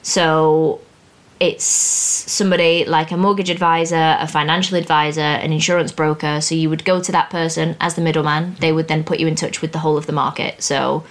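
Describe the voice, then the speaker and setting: A young woman hosts a casual educational podcast, explaining finance exam topics in a plain, chatty, upbeat way. Her voice is low and fairly quick, with little pitch movement.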